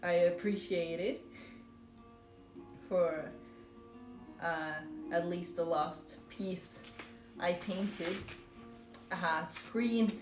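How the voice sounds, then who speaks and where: This lowish, steady voice belongs to a Norwegian woman who talks very slowly with long pauses. She crochets during a live stream, rambling playfully and hesitantly to viewers, and music echoes around the room.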